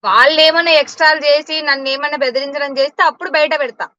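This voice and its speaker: A woman's voice: high voice, steady tone, fast talker, bright, forceful tone, no echo, highs cut off. A woman giving blunt, indignant answers in an interview. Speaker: interview guest.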